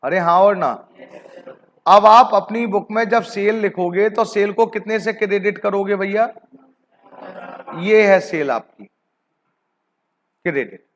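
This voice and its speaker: Male commerce tutor with a high voice, live online class, keeps quizzing students and coaxing answers, reads figures aloud slowly. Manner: coaxing students with repeated questions; calls students "beta ji". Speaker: commerce teacher.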